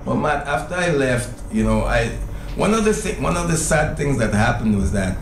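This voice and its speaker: A middle-aged man speaks as a guest on a radio talk show, earnest and often repeating words as he restarts. His voice has a gravelly edge at mid pitch. A faint hiss sits under the studio sound. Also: expressive, normal speed, low-quality recording. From Dominica. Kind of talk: casual radio interview.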